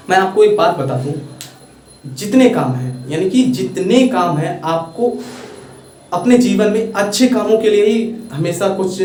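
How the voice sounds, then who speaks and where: A young Indian man with an Indian accent teaching English vocabulary in a casual lesson, repeating and spelling out words slowly. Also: sits high, a little mellow. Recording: echoey room, far from mic, faint hiss.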